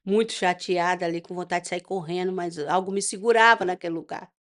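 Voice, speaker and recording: A woman's voice: on the low side, steady tone, a little fast, a bit bright. A middle-aged woman with a Brazilian accent, from Brazil, telling her personal testimony as an interview guest and acting out the dialogue in her story. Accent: Brazilian Portuguese.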